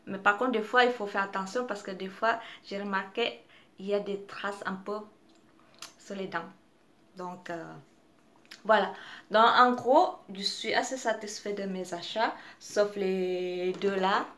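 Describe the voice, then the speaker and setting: A woman's voice: mid-range voice, a bit bright. A young woman, not a native French speaker, reviewing makeup in a casual vlog, hesitant, with many fillers and restarts. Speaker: beauty vlogger.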